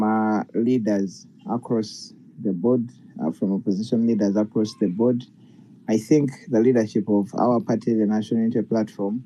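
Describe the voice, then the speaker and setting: A man answering questions at an online party meeting in a measured, formal way with some fillers. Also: on the low side, dark tone, low-quality recording.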